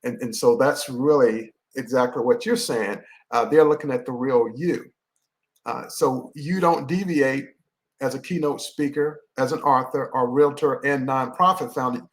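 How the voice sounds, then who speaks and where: A man's voice: mid-range voice, normal speed. A man hosting a podcast interview, leading questions and frequently affirming the guest.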